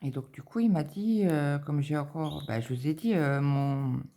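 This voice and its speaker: A woman's voice: sits low, normal speed, mellow. A middle-aged woman chatting casually and anxiously, rambling with many fillers and repetitions. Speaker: cross-stitch vlogger.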